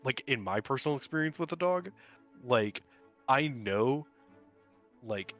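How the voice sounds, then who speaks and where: A man playing a tabletop game, talking things through in a measured way with many fillers and restarts. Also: medium pitch, lively intonation, a bit bright, faint music behind. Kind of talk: casual game-night talk.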